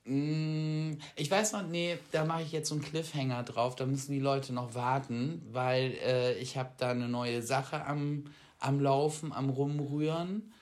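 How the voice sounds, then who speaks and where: Animated man telling stories. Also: mid-range voice, a little slow. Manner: animated storytelling, jumps between loud and quiet; self-deprecating. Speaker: podcast co-host. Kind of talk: casual chat.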